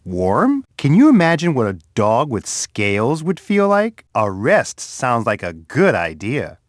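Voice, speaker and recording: A man voicing Bear, a big, friendly bear who guides young children through an edutainment game, talking to them warmly and patiently. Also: mid-range voice, wildly swooping pitch, measured pace, no room sound, clean studio sound. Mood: friendly, coaxing. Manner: warm, patient, talks straight to a young child. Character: big friendly male bear host, gentle and encouraging.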